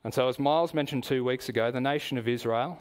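Speaking with an Australian accent, this man delivers a church sermon at a measured, explanatory pace, posing questions to those gathered. His pitch sits in the middle range.

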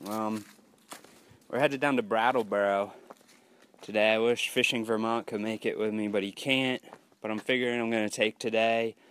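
A man's voice: on the low side, fairly bright tone, smooth. Young man vlogging outdoors, rambling. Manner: rambling, hesitant with many ums. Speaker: fishing vlogger. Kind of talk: casual vlog narration. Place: outdoors by a lake and in a boat. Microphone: action camera at arm's length.

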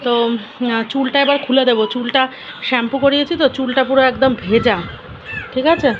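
Hoarse chatty woman vlogging at home. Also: sits high, steady tone, a little fast, muffled recording. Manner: chatty, addresses viewers directly. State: hoarse from a cold. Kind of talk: casual home vlog narration. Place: home kitchen. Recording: noisy home recording.

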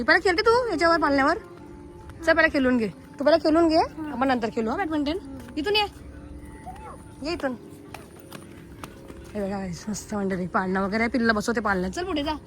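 A woman vlogging outdoors with a handheld camera in a park playground, chatting to viewers and coaxing a small child. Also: fairly high pitch. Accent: Marathi. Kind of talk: casual vlog narration to viewers.

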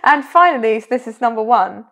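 Giggly young woman with a gravelly edge. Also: a little high, expressive, fairly quick, a bit bright. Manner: chatty, giggly, self-interrupting. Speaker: podcast co-host. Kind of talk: casual chat.

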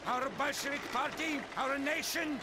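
An actor playing a fierce, fanatical Soviet officer in a war game, declaiming forcefully. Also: male voice, extremely high pitch, steady tone, moderate pace, over a noisy crowd, heavy background noise. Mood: grandiose, stern. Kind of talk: video game war speech, shouted orders.

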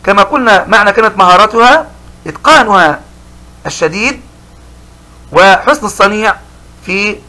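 A man teaching young pupils, his voice high-pitched and bright. He explains patiently and slowly, saying each key word over again. He sounds like a middle-aged teacher in a recorded lesson. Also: expressive, poor audio. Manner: slow, explanatory, repeats key words.

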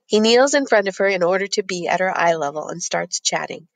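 A woman narrating a first-person novel as an audiobook in a steady, measured reading. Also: fairly low pitch, vocal fry, no room sound.

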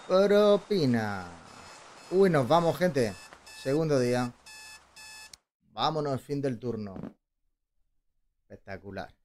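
A gaming video host from Spain gives playful, casual gameplay commentary with a Spanish accent, talking to himself and reading dialogue aloud. Recorded on a close desk boom mic at an indoor streaming setup, his medium-pitched, slightly mellow voice comes with a bit of hiss or hum.

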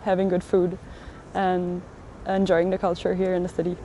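A young woman from Germany, a student giving relaxed, friendly interview answers in an outdoor city square. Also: fairly low pitch, moderate pace, slight background noise. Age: young adult.

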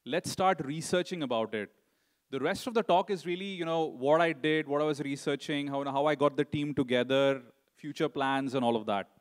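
A middle-aged man giving a conference talk in a conversational way, often tagging sentences with "right?" and filling pauses with "you know". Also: on the high side. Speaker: conference speaker.

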